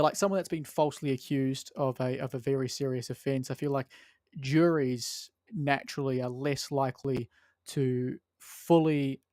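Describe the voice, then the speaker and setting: A man's voice: medium pitch, darkish tone, no room sound, clean studio sound. A man co-hosting a podcast, giving conversational opinions and thinking aloud in broken phrases. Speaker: podcast co-host. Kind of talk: opinion talk, conversational commentary.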